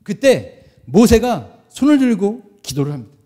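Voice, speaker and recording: High-voiced man preaching animatedly. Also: normal speed. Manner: animated storytelling, asks the crowd questions. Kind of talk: sermon to a young audience. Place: church meeting hall.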